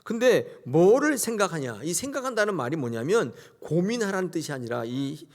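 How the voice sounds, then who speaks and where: A pastor preaches a Sunday sermon emphatically, leading the congregation to repeat after him and acting out biblical characters in quoted voices. His voice is on the high side and sing-song, at a moderate pace.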